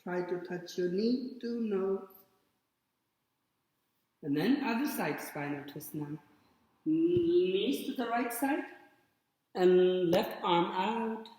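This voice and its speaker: A man guiding a yoga class with calm, short spoken cues and pauses between them. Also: sits high. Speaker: yoga instructor. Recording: very echoey room with long reverb.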